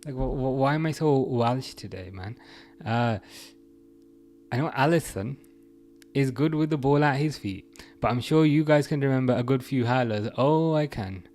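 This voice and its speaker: A young man talks football on a relaxed livestream, reading chat messages and rambling with frequent restarts. His voice is medium-pitched at a moderate pace, over soft background music.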